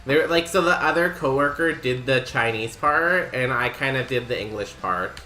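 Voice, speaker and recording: Mid-game on stream, a young man from Canada talks to his viewers at a normal speed in a medium-pitched, sharp voice. His chat is rambling and self-deprecating, full of ums and likes, captured with roomy echo and faint background music.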